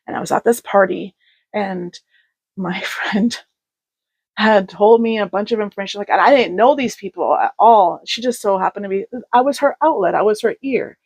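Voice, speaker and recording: A woman's voice: medium pitch, moderate pace, a little mellow, slightly rough, no room sound. Woman, podcast co-host, candid, blunt, laughs through stories, dry close sound. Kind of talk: candid conversational storytelling.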